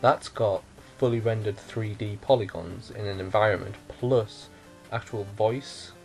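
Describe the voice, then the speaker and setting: A man co-hosting a relaxed podcast, rambling as he thinks out loud and catches his own mistakes. His voice sits on the lower side, and faint music plays behind him. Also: a little slow, creaky. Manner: rambling, thinks aloud and corrects himself. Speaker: podcast co-host. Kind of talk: casual podcast chat.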